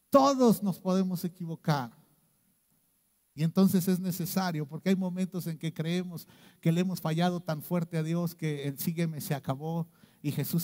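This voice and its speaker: A middle-aged man with a Mexican accent preaching a sermon, swinging between loud outbursts and hushed low lines. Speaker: pastor. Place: church. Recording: long reverb of a church hall.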